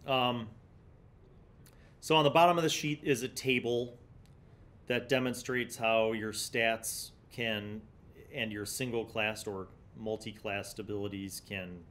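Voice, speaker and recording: Speaking into a large condenser microphone on his desk, a middle-aged host of a tabletop gaming review show mixes review commentary with passages read from a magazine. His delivery is deliberate and his tone fairly bright. The small studio has a block wall, and low rumbling noise runs underneath.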